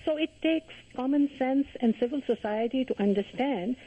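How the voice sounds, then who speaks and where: An older woman from Pakistan, a guest calling in to a radio talk show, speaking earnestly and in measured phrases with frequent pauses. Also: high voice, warm tone. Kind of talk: phone-in radio interview. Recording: muffled phone line.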